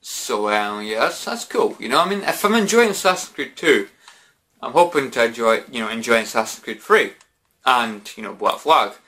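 Drunk, rambling young British man, bright voice. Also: medium pitch, expressive, moderate pace. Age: 20s. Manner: repetitive, rambling, peppered with "you know" and mild swearing. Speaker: gaming vlogger. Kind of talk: casual vlog chat to camera. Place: small bedroom, indoors.

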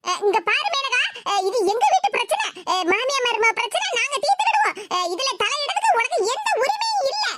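A woman voicing a sly, pleading young daughter-in-law with a Tirunelveli accent in an animated cartoon. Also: extremely high pitch, a little fast, hardly any pauses. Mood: firm. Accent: Tirunelveli Tamil. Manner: whiny, begging. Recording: hissy home recording.

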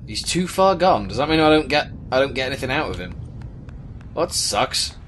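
A man commenting on a video game as he plays it. He gets excitable, swears often and puts on silly voices. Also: mid-range voice, fairly quick, a little hiss or hum. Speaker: let's play host. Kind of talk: gameplay commentary. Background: game music.

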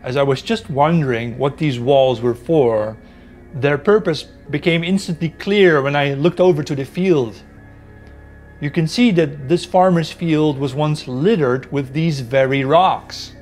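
A man in his fifties from the Netherlands, whose native tongue is Dutch, speaks to camera as a video essay host in a forest, solemn and impassioned. His voice is on the high side and a little mellow, unfolding at a measured pace over soft background music.

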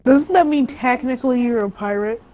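A woman's voice: on the high side, moderate pace, mellow, natural voice. A woman playing a time traveller's blunt, curious companion in an improvised game role-play. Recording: clear background noise.

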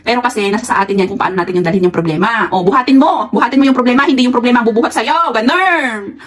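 A Filipina woman vlogging from her employer's home abroad, talking quickly in a chatty, friendly way to her viewers. Her voice sits a little high, and she often breaks into laughter between pieces of heartfelt, encouraging advice. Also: husky. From Philippines. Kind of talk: casual commentary to viewers.

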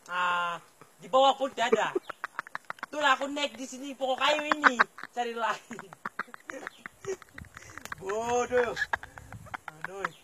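A man's voice: very high-pitched, lively intonation, slow pace, pauses often, noisy background. A man, up a tree outdoors, complaining and pleading on a phone call. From Filipino Suluk. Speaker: plantation worker on a phone call.

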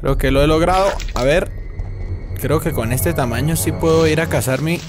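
A man hosting a gaming channel, giving excitable let's-play commentary and chattering to the game's creatures as the hungry monster he plays. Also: a little high, normal speed. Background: game music.

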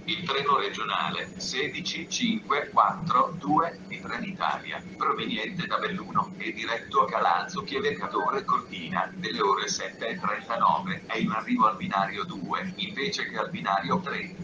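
A man reading a flat, formal railway station announcement in segmented phrases over an outdoor loudspeaker. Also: fairly low pitch, unhurried, hardly any pauses, highs cut off, noisy background. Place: outdoor railway platform, over public-address speakers.

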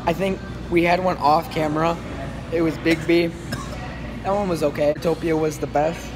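A casual vlogger speaking with a straw held at his lips, so his words come out a little muffled around it. His voice sits a touch high for a man, and he hands out his rankings in a playful, mock-serious tone. Music plays clearly behind him. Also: fairly even intonation, moderate pace. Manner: playful mock-serious reviewer, talks in restarts. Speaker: food review host. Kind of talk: casual vlog commentary. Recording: background music clearly audible.

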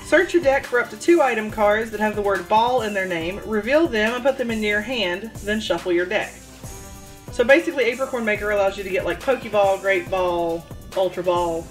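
A woman chatting casually as she opens trading card packs, excitable and quick to gasp at good pulls. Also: mid-range voice, soft background music. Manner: excitable, gasps and squeals at pulls. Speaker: card-opening vlogger. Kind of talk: casual pack-opening chat.

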